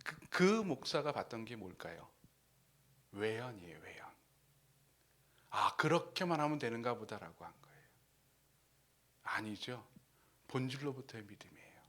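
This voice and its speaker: A man preaching a sermon as pastor. He drops to hushed whispers, then rises to loud, emphatic lines, and acts out the people he quotes. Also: medium pitch, lively intonation, normal speed, long pauses. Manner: acts out quoted speakers in his own voice. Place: church.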